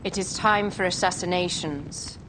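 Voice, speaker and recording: A woman's voice: on the low side, lightly acted. Cleopatra, regal seductive queen played by an actress. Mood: grave, resolute. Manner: commanding, theatrical, measured. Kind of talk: dramatic video game cutscene acting. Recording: clear background noise.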